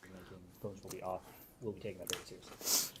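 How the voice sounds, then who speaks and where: A man's voice: deep voice, flat delivery, fast talker, very noisy. A man chatting casually as a vlogger. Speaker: vlogger, newlywed groom. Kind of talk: casual vlog chat.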